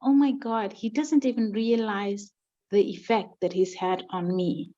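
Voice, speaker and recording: Female participant from Zimbabwe, heartfelt and hesitant, mellow voice, dull call audio. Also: medium pitch, fairly even intonation, unhurried. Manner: warm, heartfelt, hesitant fillers. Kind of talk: casual sharing on a video call. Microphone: video call.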